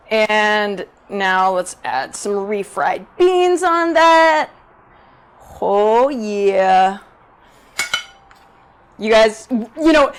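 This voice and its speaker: Bubbly loud-talking woman cooking at home. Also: on the high side, a little hiss or hum. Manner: bubbly, chatty, addresses viewers directly; self-described loud talker. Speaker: cooking video host. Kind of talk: live-streamed cooking demo chat. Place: home kitchen in a Brooklyn apartment. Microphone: 360 camera rig.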